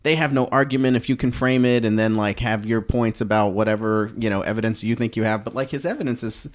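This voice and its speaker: A man's voice: lowish voice, fairly even intonation, quick pace. A man co-hosting a podcast in casual chat, rambling through his points with lots of hedging. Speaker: podcast co-host.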